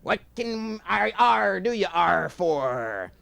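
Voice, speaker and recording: A jolly storybook pirate, put on by a man with a high, gravelly voice that swings up and down, growling "arr" between words. He sounds husky and rough around the edges. It is a bedtime tale told for a child. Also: sing-song, slow pace, a bit bright, no echo, exaggerated voice. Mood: blustery.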